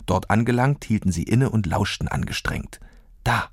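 A man calmly reading a children's story aloud as narrator, in an even storytelling manner. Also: fairly low pitch, normal speed. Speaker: audiobook narrator.

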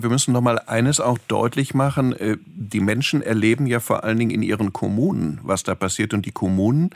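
A man asking an economist probing, deliberate interview questions. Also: on the low side, no room sound.

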